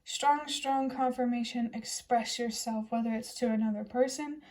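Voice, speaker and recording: Speaking at a normal speed to camera, a young woman gives a casual tarot reading in a calm, comforting way. Her pitch is a touch high, yet her tone is mellow and dark, and she stays level throughout.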